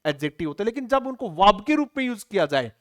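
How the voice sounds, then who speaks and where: A male teacher runs an online English exam-prep lesson in a high, sing-song, slightly bright voice. He fires off questions and answers them himself, spells words slowly letter by letter, and keeps checking that everyone has understood.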